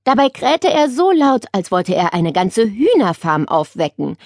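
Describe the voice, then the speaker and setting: A woman narrating a children's audiobook with expressive storytelling. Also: medium pitch, unhurried, no echo, studio quality.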